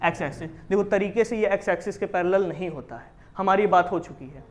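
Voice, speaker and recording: A man teaching a commerce class, explaining with lively questions to his students. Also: high voice, brisk. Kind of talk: classroom lecture in Hindi with English terms.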